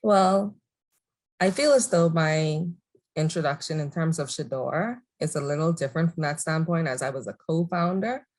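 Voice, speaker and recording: A woman from the Bahamas, answering interview questions in a measured, thoughtful way and laughing easily. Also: sits low, lively intonation, darkish tone. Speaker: guest entrepreneur. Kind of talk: conversational interview.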